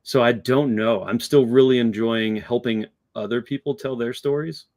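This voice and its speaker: A man hosting a casual chat, reflective and hesitant, often pausing with fillers. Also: medium pitch, steady tone, a little mellow. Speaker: host.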